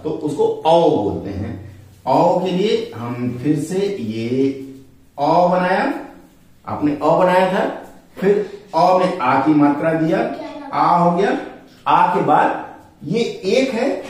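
A man's voice: a little high, sing-song, slow pace, a little mellow. A man teaching Hindi letters step by step, patiently repeating himself and asking his learners questions as he draws each letter. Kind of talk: step-by-step script lesson at a board. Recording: echoey room, mic far off.

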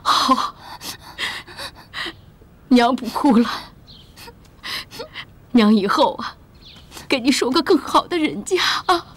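A woman's voice: high voice, lively intonation, slow, pauses often, breathy edge, heavily acted. Fussing doting mother. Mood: gentle. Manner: coaxing, fussing, soft sighs. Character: doting middle-aged mother, fussy and soothing. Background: film score music.

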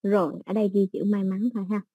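A woman's voice: mid-range voice, level tone, breathy edge, no room sound, dull audio. Woman, English teacher, patient explaining, dry close sound. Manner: explains slowly with everyday examples, many fillers. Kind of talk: exam-prep lesson.

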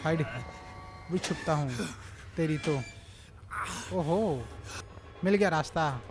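A man giving excited let's-play commentary on a horror game, shouting, taunting and joking at the enemies chasing him. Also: fairly high pitch, slow, background noise.

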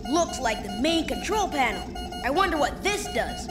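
A woman's voice: high-pitched, very animated, normal speed. A woman voicing Bradley, a playful, wisecracking cartoon boy. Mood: casual. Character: laid-back joking boy Bradley, gamer type. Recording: cartoon soundtrack with loud music.

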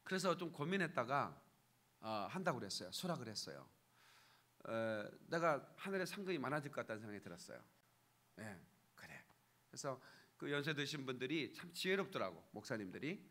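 A man's voice: mid-range voice, sing-song, a little fast, a bit bright. A man, a pastor, preaching a sermon to his congregation in a church, talking casually and keeps asking for their agreement, with sudden raised bursts of emphasis. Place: church sanctuary.

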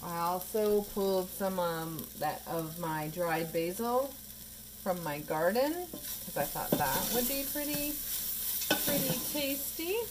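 A woman's voice: fairly low pitch, expressive, slow pace, background noise. A woman narrating her home cooking in a casual, chatty way, with wry asides as she stirs a pot in her kitchen.

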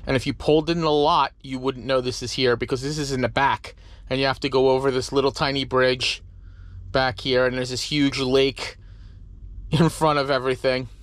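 A man's voice: medium pitch, little pitch movement, normal speed, fairly bright tone, no echo. Easygoing trucker man vlogging at arm's length. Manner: rambling, easygoing, talks with many fillers. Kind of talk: casual vlog talk to camera. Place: outdoors at a truck stop lot, later inside a truck cab. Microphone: handheld camera at arm's length.

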